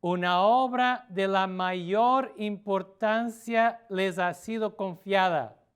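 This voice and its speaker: A middle-aged pastor from Portugal, a native Portuguese speaker, delivers a sermon earnestly, with frequent pauses and filler sounds. His voice is high-pitched and clean in tone.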